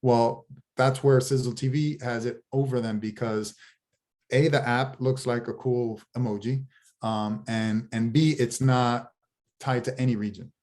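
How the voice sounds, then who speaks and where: A man pitching his streaming app in a casual business chat over a video call, rambling with many restarts. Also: steady tone, measured pace, a little mellow. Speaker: guest, TV show founder.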